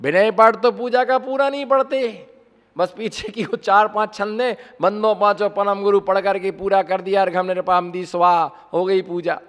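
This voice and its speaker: A man, a Jain monk, giving a conversational sermon full of rhetorical questions to his listeners. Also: sits high. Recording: long hall reverb.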